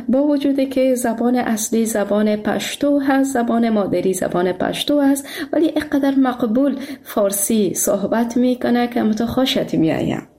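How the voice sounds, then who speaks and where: A woman with an Afghan accent presents a radio phone-in. Her voice sits a little high, and she talks in a friendly, courteous, conversational manner. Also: dark tone. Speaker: radio programme host.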